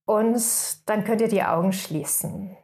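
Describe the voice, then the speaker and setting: Slow, soothing woman guiding meditation. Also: mid-range voice. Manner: slow, soothing, drifting into soft whispers. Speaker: meditation guide. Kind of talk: guided meditation.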